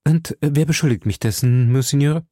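A man voicing a proud, fearless young musketeer who speaks earnestly and forcefully. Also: mid-range voice, moderate pace, no room sound, clean studio sound, pitched above the performer's own voice, lightly acted. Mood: defiant.

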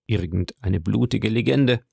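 A man's voice: on the low side, vocal fry, a little mellow, slightly rough, no room sound, studio quality, full character voice. A man playing a suave, composed count. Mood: assured. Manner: polished, measured courtesy. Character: suave, composed male count, courteous and assured.

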